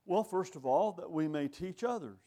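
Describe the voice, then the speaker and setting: Animated and mellow, a man in his sixties with a high voice preaches at a moderate pace. His sermon is wry and conversational, mixing rhetorical questions with scripture read in older phrasing.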